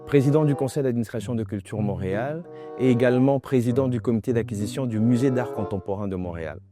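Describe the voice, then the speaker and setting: A man from the Democratic Republic of the Congo, a visual artist, speaking in an interview in a measured, reflective and formal way. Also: mid-range voice. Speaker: visual artist and cultural board president. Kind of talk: interview testimony. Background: faint music.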